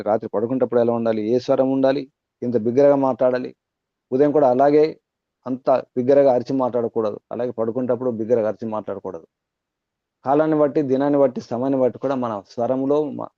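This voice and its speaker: Man slowly explaining a Vedic verse. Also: medium pitch, dark tone, dry recording, muffled recording. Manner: chants the verse slowly, then explains it in measured phrases. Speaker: Vedic teacher.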